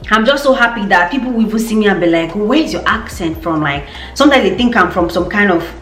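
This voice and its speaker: A woman's voice: medium pitch, lively intonation, quick pace, fairly bright tone, reverberant. Chatty Nigerian woman vlogging. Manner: chatty, laughing often, repeats words. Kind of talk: casual vlog update.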